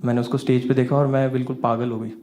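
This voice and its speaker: A young man doing stand-up, spinning a story with lots of energy and a voice that keeps climbing into exasperated bursts. His pitch sits in the middle range for a man. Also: fast talker. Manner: animated, rising to exasperated outbursts. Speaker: stand-up comedian.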